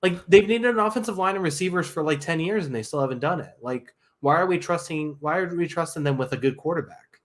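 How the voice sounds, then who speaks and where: A man's voice: a little high, fast. A man co-hosting a sports podcast, chatting casually and joking about football. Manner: joking, laughs between points.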